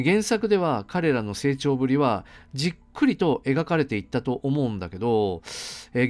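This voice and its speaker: A middle-aged man giving a casual solo film review, chatty and full of conversational asides. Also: medium pitch.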